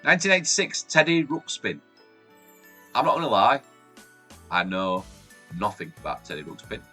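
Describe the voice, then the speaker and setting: A Yorkshire man in his forties, husky and chesty from a cold, hosts a casual YouTube countdown vlog at normal speed with faint music behind. He's chatty and upbeat, his pitch and loudness jumping lively. He films in a home room with shelves behind the camera.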